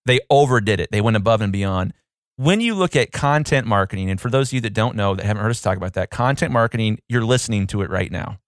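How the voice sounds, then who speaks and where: A man's voice: on the low side, expressive, fast talker, no room sound, clean studio sound. A man co-hosting a casual podcast, playful and fond of putting on silly voices. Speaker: podcast co-host.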